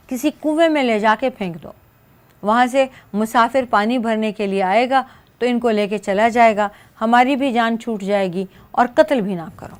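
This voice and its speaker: A woman teaching as a Quran scholar. She recites short phrases of scripture, then explains each one in measured steps. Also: a little high. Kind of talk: verse-by-verse scripture commentary.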